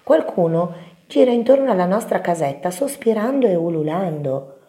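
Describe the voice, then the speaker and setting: A woman's voice: fairly low pitch, expressive, normal speed, voice pushed up, lightly acted. A woman voicing a small, frightened little mouse who can't sleep and keeps calling out anxiously for help. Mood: alarmed. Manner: anxious, pleading, shouting for help.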